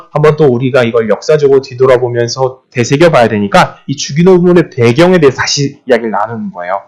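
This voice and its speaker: Animated Korean-speaking male preacher. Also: mid-range voice. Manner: rhetorical questions, repeats phrases for emphasis. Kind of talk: sermon.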